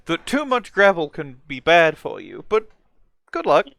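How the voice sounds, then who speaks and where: A man with a bright, slightly high voice chats casually between takes. He is jokey and teasing with his fellow voice actors. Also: huge pitch swings, a little slow, vocal fry, no echo. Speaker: voice actor in a fan dub.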